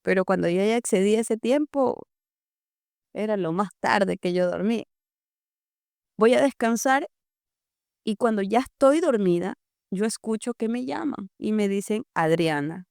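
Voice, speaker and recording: A young Ecuadorian woman tells her testimony on a podcast, bringing the story to life by acting out the voices of her family. Her voice has a gravelly edge. The sound is dry and close on a studio mic. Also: mid-range voice, a little slow, long pauses, a little mellow, no room sound. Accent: Ecuadorian Spanish. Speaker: guest giving a testimony.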